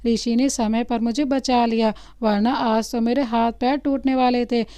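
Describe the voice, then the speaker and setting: A woman's voice: on the high side, fairly even intonation, a little slow, dark tone, clean tone, no room sound, lightly acted. A woman voicing a timid, fearful young bride-to-be in a storybook reading, with a pleading manner. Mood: tender. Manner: pleading, anxious.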